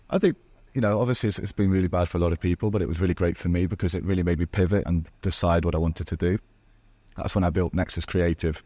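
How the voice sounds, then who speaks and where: A man with an English accent speaks in a very low, mellow voice. He is a chatty podcast guest who grew up in southern Spain. The recording is dry and close. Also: dry recording. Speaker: guest, agency owner. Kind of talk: podcast interview.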